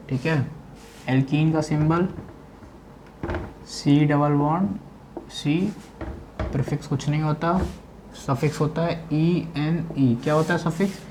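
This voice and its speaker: Higher-voiced male chemistry teacher. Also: warm tone, slight background noise. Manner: repeats key terms as questions. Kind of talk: classroom lecture.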